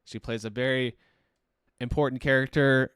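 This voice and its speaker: A man's voice: medium pitch, fairly even intonation, moderate pace, a bit bright, clean tone, no echo, clean studio sound. A man co-hosting a podcast, chatting casually and rambling through a movie recap, with plenty of fillers and restarts. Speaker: podcast co-host. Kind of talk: casual chat.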